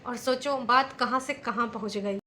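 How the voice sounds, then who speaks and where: A woman's voice: on the high side, moderate pace. A woman vlogger giving opinionated commentary in a chatty way, often posing rhetorical questions to her viewers.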